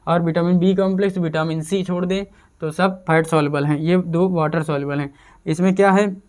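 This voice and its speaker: A man's voice: fairly high pitch, steady tone, a little fast, a little mellow. A man giving a casual exam-prep chemistry lecture, repeating terms and asking and answering his own questions. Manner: repetitive drilling, asks and answers own questions. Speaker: chemistry teacher.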